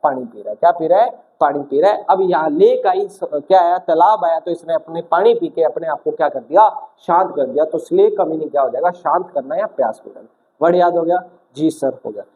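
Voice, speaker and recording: A young man teaching exam vocabulary in a lively classroom style, asking questions and answering them himself and acting out little stories. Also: on the high side, fairly quick, muffled recording. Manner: acts out little stories with shouted quotes. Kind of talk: energetic classroom-style video lesson.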